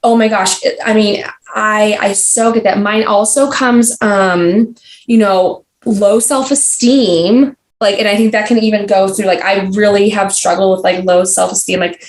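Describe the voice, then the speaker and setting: A young woman speaks as a podcast guest, her voice mid-pitched and carrying a noticeable room echo. She rambles casually, leaning on fillers and restarting her sentences as she goes. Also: fairly even intonation, unhurried. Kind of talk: casual conversational interview. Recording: roomy echo.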